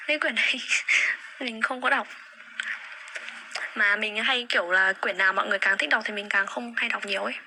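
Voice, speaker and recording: A young woman hosting a phone livestream chats casually and briskly in a medium-pitched voice, repeating words as she looks for them. The recording is rough, with steady background noise.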